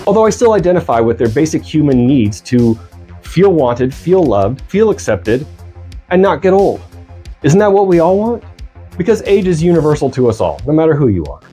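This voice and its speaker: A man's voice: fairly high pitch, mellow, breathy edge. A man in his mid-forties giving a scripted film review with earnest enthusiasm and wry asides. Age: 40s.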